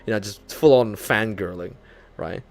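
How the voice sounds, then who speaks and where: A young Filipino man streams as a VTuber, chatting casually with viewers in English that leans lightly North American. His voice is lowish and moderately paced, and he's self-deprecating, laughs often, and gets animated when retelling stories.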